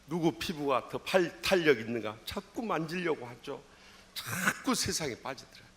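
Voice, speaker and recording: Jeolla-accented pastor in his sixties, animated storytelling sermon, rather high voice. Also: moderate pace. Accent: Jeolla Korean. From Jeolla, Korea. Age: 60s. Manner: storytelling with dramatic swings in pitch and loudness. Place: church sanctuary.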